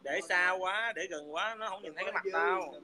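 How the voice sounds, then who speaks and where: A man's voice: sits high, a little fast, a crowd in the background. A man hurling crude, taunting insults in a heated livestream rant. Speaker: livestream speaker.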